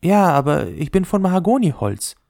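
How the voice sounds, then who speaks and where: A man's voice: fairly high pitch, very animated, moderate pace, creaky, darkish tone, no echo, studio quality, voice pushed up. A man doing a boastful toy top. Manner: eager and boastful. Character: boastful, proud male spinning top, courting.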